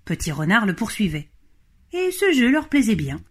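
A woman narrating a children's storybook with gentle, expressive delivery. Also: mid-range voice, normal speed, breathy edge.

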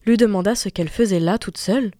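A woman reading a classic fairy tale aloud with expressive storytelling. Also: mid-range voice, quick pace, no echo, studio quality. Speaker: reader.

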